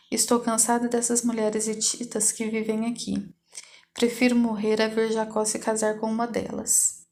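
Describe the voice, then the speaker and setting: Flat, gravelly woman reading scripture. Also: a little high. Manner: steady, even read-aloud delivery. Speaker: Bible reader.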